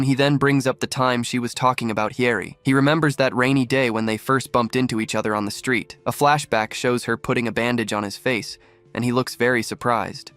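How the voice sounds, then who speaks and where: A man tells a comic story in the even, scripted way of a recap narrator. His voice sits at an ordinary middle pitch. The recording is dry and close, with no room sound around it. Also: no room sound.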